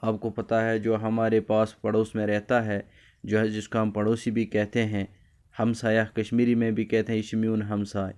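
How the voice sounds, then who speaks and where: A man's voice: on the low side, completely flat delivery, a little mellow, smooth. A man teaching a children's reading lesson, explaining word meanings and repeating lines for his pupils. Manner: explains word meanings, switches briefly into Kashmiri.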